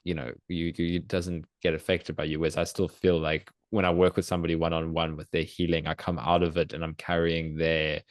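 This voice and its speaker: A man's voice: deep voice, little pitch movement, a little fast, hardly any pauses, dry recording, studio quality. A man, a guest on a spiritual podcast, talking thoughtfully with hesitant restarts. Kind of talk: casual podcast conversation.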